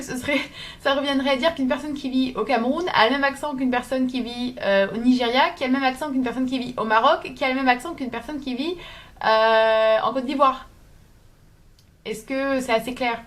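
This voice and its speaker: A young woman from France talking casually to camera at home, thoughtful and halting, with many fillers and restarts. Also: high voice. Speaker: video essayist.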